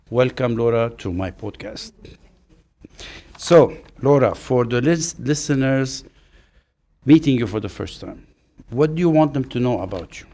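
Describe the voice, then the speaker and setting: A man hosting a casual podcast interview, talking haltingly and often repeating or restarting words. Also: mid-range voice, darkish tone. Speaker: podcast host.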